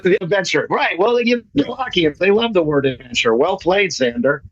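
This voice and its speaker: This American man's voice sits high, with lively intonation at a normal speed, and a crowd can be heard in the background. He is a playwright casually and enthusiastically presenting his play at an online meeting, joking as he goes. The audio is muffled and lo-fi.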